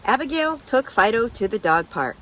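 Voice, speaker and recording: A woman's voice: on the high side, very animated, normal speed, low-quality recording. A woman narrating a children's picture book as a scripted story reading.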